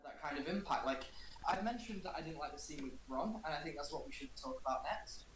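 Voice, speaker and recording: A man co-hosting a podcast in a casual chat, measured and thinking aloud as he talks. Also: fairly high pitch. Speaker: podcast co-host. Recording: echoey room with faint hiss.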